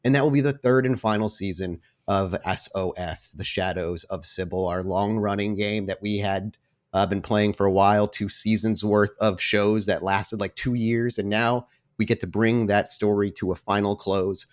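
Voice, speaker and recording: Fairly low in pitch, with a steady tone and normal speed, this man hosts a podcast and narrates games. His talk is casual and chatty, covering announcements and storytelling for the game.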